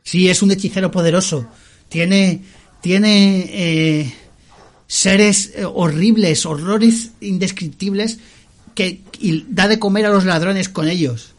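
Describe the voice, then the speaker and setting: A man's voice: sits high, steady tone, slow pace. A man narrating as game master, explaining rules and often checking in with the players, laughing along.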